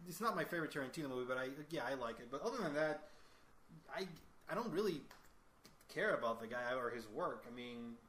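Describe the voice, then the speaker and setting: A man's voice: medium pitch, lively intonation, quick pace, fairly bright tone. A man chatting casually about films on a podcast, laughing often and talking with fillers and restarts. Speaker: podcast host. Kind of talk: casual chat. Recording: roomy, faint ambient noise.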